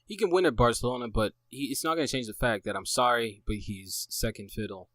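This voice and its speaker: A man co-hosting a football podcast, talking casually and excitably, stumbling over restarts and laughing often. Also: mid-range voice, brisk, dry recording. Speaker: podcast co-host.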